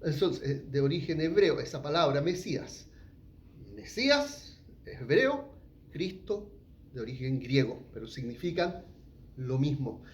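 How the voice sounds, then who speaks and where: A man's voice: on the high side, animated, measured pace. A middle-aged man, teaching a sermon and asking the congregation questions. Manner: asks the congregation questions, frequent "¿ya?". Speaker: pastor.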